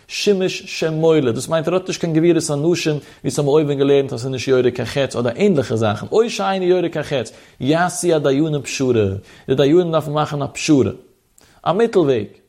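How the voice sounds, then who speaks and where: A man giving a traditional religious text lesson, reading passages aloud and explaining them in a sing-song lilt, with a gravelly voice. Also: on the high side, brisk, few pauses, darkish tone. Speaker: religious teacher.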